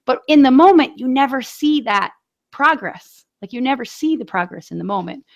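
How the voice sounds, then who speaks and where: A woman's voice: sits high, expressive, normal speed. A woman in her forties chatting casually as a podcast co-host, telling stories full of fillers and light laughter. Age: 40s. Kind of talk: casual chat.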